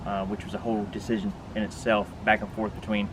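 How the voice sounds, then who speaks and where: Talking fast with little pitch movement, a fairly low-voiced man demonstrates gear step by step for his RV vlog, informal and plain-spoken. Wind and vehicle noise are clearly heard around him as he stands outdoors by a pickup truck bed.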